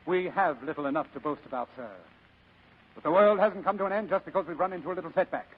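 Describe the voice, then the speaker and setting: An actor playing an urbane, fat criminal mastermind in a 1940s radio drama, speaking in a florid, courtly manner. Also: male voice, sits high, fast talker, slightly rough. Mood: philosophical. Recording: narrow-band old radio recording.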